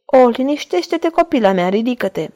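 A woman's voice: on the high side, very animated, a little mellow, voice pushed up. A woman voicing an old, lustful and domineering pope in a storybook reading, coaxing and intense. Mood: soothing.

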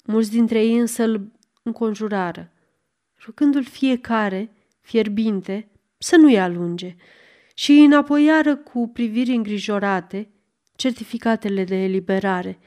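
A woman narrating a volunteer audiobook in an even, unhurried manner. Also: on the high side.

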